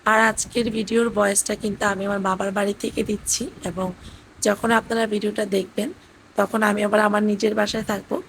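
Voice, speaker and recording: A woman, hoarse from talking, gently narrating a family vlog as a voice-over with occasional fillers. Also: medium pitch, a little hiss or hum, poor audio. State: hoarse, voice cracking. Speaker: vlogger narrating family trip. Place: indoors at her parents' house.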